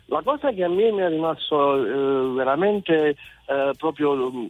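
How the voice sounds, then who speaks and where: A man's voice: a little high, expressive, a little slow, no echo. A man from Naples, calling in to a radio show over a landline phone and speaking hesitantly, often restarting. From Naples, Italy. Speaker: caller, musician. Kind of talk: radio call-in comment. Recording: tinny phone line into radio studio.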